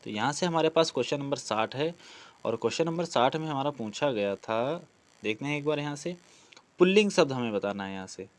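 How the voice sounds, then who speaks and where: A man speaks a little fast in an expressive, mid-range voice. Teaching Hindi grammar for exam preparation, he breaks practice questions down step by step, asking questions aloud and then answering them himself.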